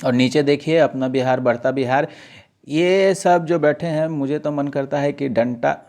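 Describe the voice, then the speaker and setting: A male teacher giving an exam-prep lesson. He reads newspaper lines aloud in a slow, deliberate way. He keeps asking his students questions and then answers them himself. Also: a little high, a little mellow.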